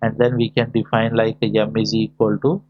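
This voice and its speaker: A man's voice: on the low side, level tone, normal speed. A man teaching a lesson, dictating notation symbol by symbol and posing short questions as he works through it step by step. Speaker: lecturer teaching a class. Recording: dull, lo-fi audio.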